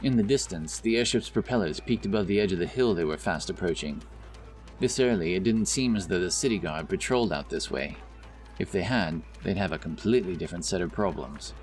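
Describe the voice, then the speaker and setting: Briskly and a little mellow, a deep-voiced man reads fantasy narration for an audiobook. Music and sound effects play in the background.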